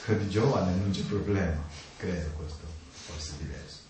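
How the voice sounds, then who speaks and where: A man giving an informal talk on the mind, speaking in halting, simple phrases and often checking in with a questioning "no?" after his points. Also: sits low, expressive. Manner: halting, simple non-native grammar, keeps adding "no?". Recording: echoey room, distant mic, faint noise.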